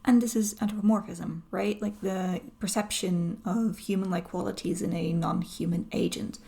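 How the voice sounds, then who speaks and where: A woman from the Netherlands, a researcher explaining studies in a lively, anecdotal conversational way with light humor. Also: lowish voice, normal speed, creaky.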